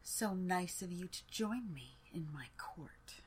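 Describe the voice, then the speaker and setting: A woman voicing a haughty, cruel warlord queen who mocks her captive in a slow, sneering, half-whispered way. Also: on the low side, lively intonation, a little hiss or hum. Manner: sneering, mocking, slow and deliberate.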